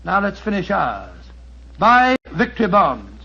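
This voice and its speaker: A genial, bluff middle-aged doctor on old-time radio, chatty and a little hesitant. His voice sits high and rings bright. The sound is dull and lo-fi, like a 1940s broadcast. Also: wildly swooping pitch, unhurried, gravelly, husky, faint music behind, full character voice. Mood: earnest. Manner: hesitant, chatty, then earnest and appealing. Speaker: storyteller giving a closing appeal.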